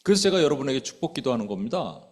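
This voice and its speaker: Man preaching with lively, animated pitch. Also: very fast. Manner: conversational, asks the congregation questions; acts out quoted speech with sudden loud outbursts. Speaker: pastor. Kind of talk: sermon. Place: church sanctuary.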